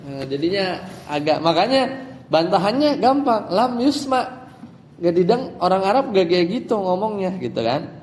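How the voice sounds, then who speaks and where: A man's voice: sits high, very animated, moderate pace, a little mellow, in a large hall, slight background noise. A man teaching an Arabic grammar lesson in a casual style, explaining step by step and asking his students rhetorical questions. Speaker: Islamic teacher.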